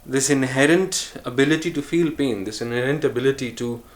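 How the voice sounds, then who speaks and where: An earnest man with a mid-pitched voice delivers a reflective solo vlog monologue, musing unhurriedly about choosing calm over harshness, with pauses and self-corrections.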